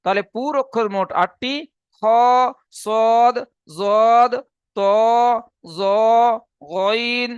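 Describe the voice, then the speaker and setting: A man's voice: very high-pitched, steady tone, drawn-out words, pauses often, smooth, no echo. A man teaching an online Quran reading class, patient, repeating each letter and point twice.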